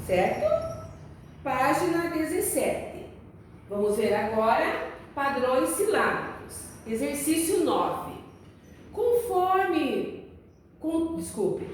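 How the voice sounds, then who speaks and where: Slow-talking teacher woman, lively high voice. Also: far from the mic, a little hiss or hum. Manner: slow, patient, repeats words for young children. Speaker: primary school teacher. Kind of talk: recorded remote class lesson. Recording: very echoey room, voice away from the mic.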